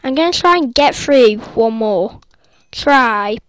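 A high-pitched woman rambles through her game commentary while sitting up in bed. She talks casually into her laptop, breaking into squeals and quick apologies. The sound is close and dry, with no room echo. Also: expressive. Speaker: gaming vlogger. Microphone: laptop recording.

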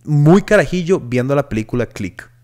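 A young man with a Costa Rican accent, co-hosting a casual podcast chat, animated and full of slang and swearing. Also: fairly high pitch, normal speed. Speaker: podcast co-host.

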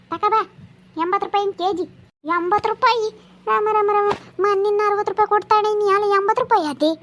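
A woman's voice: very high-pitched, fairly bright tone. A woman playing a scolding village woman, haggling over vegetable prices. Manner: nagging, rapid-fire scolding. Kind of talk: comedy sketch acting.

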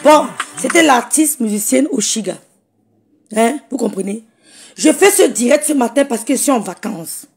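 A woman with a hoarse, croaky voice, chatting casually on a phone live stream and greeting viewers by name. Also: fairly high pitch, animated, moderate pace, soft background music.

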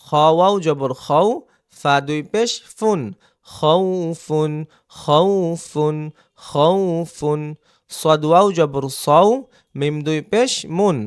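A man teaching Quranic letter reading in an online lesson, spelling out syllables slowly and repeating each one, often checking in with his students. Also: a little high. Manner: slow, drilling syllables one by one, asking "ঠিক আছে?".

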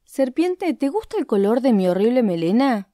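A woman's voice: fairly high pitch, big pitch swings, normal speed, warm tone, no room sound, voice pushed up. A vain grown lion frets and whines in a raised, swooping voice, as a woman reads him in a storybook. He sounds self-pitying and sings up and down as he complains. The sound is close and dry. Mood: fretting.

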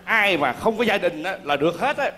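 An indignant grown son. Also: male voice, high-pitched, expressive, a little fast. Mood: curious. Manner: indignant shouting. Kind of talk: live stage comedy sketch. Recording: live stage, loud crowd noise.

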